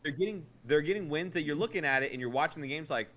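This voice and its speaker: A man's voice: a little high, animated, fast talker, a bit bright. An American man co-hosting a podcast, talking sports in a casual, colloquial way and hedging as he goes.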